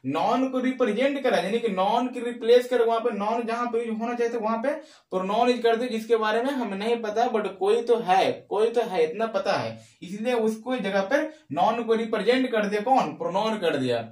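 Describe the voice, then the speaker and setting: High-voiced man teaching grammar, echoey. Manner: repeats key phrases slowly, asks and answers own questions. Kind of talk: classroom-style grammar lesson in Hindi. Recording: echoey room.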